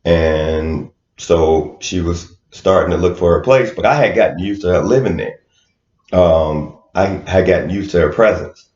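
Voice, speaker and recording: Laid-back male co-host, very low voice, roomy lo-fi sound, halting with fillers. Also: a little mellow. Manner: laid-back, hesitant with many fillers, laughs often. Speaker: podcast co-host. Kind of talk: casual chat.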